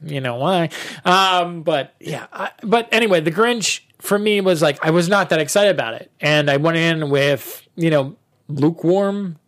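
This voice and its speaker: A man in his thirties hosts a casual movie podcast with a fairly high voice. He gushes about films and doubles up his words whenever he gets worked up. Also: normal speed. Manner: enthusiastic, repeats himself when excited. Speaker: podcast host. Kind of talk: casual film chat.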